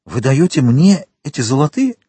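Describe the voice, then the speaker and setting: An adult man voicing a humble, excitable prison gatekeeper in a storybook reading. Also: medium pitch, moderate pace, slightly rough, no echo, voice pushed up. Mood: eager. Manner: eager, excitable, pleading. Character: poor humble jailer, eager and amazed.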